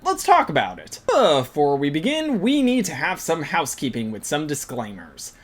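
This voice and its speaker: A video essay host delivering scripted commentary, with sarcastic asides and sudden jumps in pitch. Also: wildly swooping pitch, normal speed.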